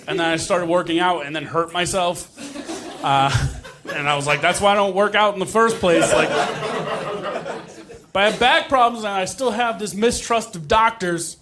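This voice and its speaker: Speaking at a normal speed in a voice that sits high, this comedian pokes fun at himself on stage, acting out bits of dialogue in a chatty storytelling style. Laughter from the live audience fills the noisy show recording.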